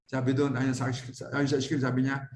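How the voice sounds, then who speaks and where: A man's voice: mid-range voice, monotone, moderate pace, darkish tone, a little hiss or hum. A man from the Philippines giving a religious classroom lecture, teaching in a conversational way, often checking in with his listeners and mixing in English phrases. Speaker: Islamic lecturer. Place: lecture hall at a dawah center. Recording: echoey room recording.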